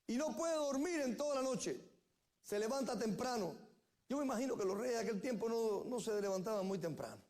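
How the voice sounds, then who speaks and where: A man's voice: very high voice, animated, brisk, darkish tone. A male pastor preaching a sermon, telling the story with repeated key phrases. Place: church.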